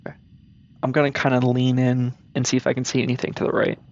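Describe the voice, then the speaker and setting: Gravelly man playing a tabletop game. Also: medium pitch, monotone, fast, muffled recording. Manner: cautious, curious, asks many questions. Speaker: player.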